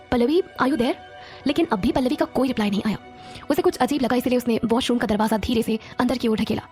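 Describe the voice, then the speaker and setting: A woman narrating a romantic audio series in a steady storytelling manner. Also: a little high.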